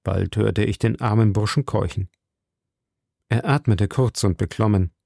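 A man giving scripted audiobook narration in a measured, dramatic first-person manner. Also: fairly low pitch, creaky, warm tone, dry recording, studio quality.

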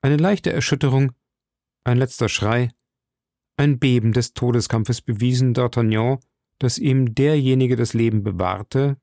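A man reading a classic adventure novel aloud as an audiobook, in measured storytelling. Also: medium pitch, creaky, dark tone, no echo, studio quality. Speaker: audiobook reader.

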